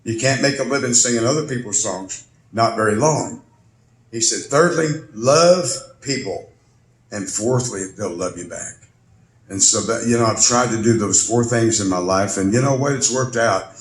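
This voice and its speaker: A man's voice: medium pitch, normal speed, reverberant, slight background noise. A man, a singer-songwriter, telling folksy family stories and laughing often. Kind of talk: storytelling with a song.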